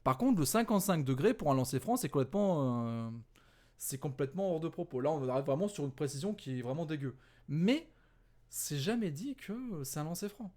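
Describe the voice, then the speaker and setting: A man walking through an exam answer key in a casual, conversational way, often correcting himself and filling pauses, tired from working late at night. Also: on the high side, animated, a little mellow. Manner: conversational, many fillers and self-corrections. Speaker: physics teacher.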